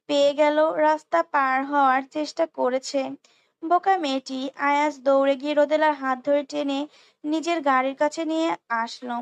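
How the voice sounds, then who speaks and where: High-voiced woman reading a story aloud. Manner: unrehearsed reading with restarts and asides. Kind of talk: reading a romance novel aloud.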